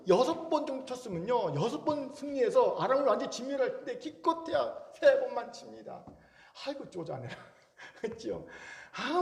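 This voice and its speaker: Animated high-voiced man preaching in a hall. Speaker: pastor. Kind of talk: sermon. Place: church sanctuary. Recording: echoey church hall.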